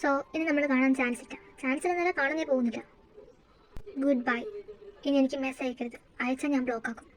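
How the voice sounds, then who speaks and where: Brief: a woman as a torn young student, very high voice, pleading and close to tears. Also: steady tone, fast talker, close to an everyday voice, poor audio. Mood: cold. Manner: emotional, pleading. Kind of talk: amateur audio drama.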